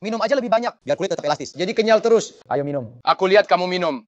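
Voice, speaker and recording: An actor dubbing a manipulative young boyfriend who coaxes with false sweetness. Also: male voice, sits high, animated, rapid-fire, dry recording, lo-fi sound. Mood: coaxing. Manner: wheedling, falsely sweet coaxing. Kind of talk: dubbed short drama.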